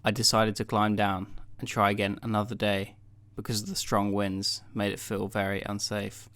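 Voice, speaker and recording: Loud wind noise runs behind a man's low voice. He delivers a scripted first-person vlog narration in an extremely flat monotone. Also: normal speed. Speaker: vlogger narrator.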